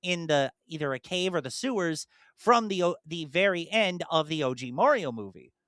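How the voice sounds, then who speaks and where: A young man co-hosts a podcast in casual chat, sounding enthusiastic and rambling and often restarting his sentences. His voice is on the high side and fairly bright, with lively intonation and a moderate pace. The sound is clean studio audio with no echo.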